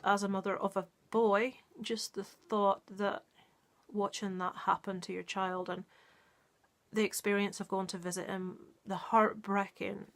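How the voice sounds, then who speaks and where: A middle-aged woman talks through a book in an earnest, casual way, full of ums and restarts. Her pitch stays flat and level, and she sits in the middle of the usual range for a woman. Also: creaky. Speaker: book reviewer. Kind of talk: casual book review, reading a story aloud.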